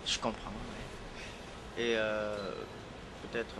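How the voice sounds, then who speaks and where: In a casual interview against traffic noise, a singer from Guinea whose first language is Fula speaks in a lowish voice with little pitch movement, drawing out his words. He is hesitant, repeats himself, and uses "tu vois" as a frequent filler.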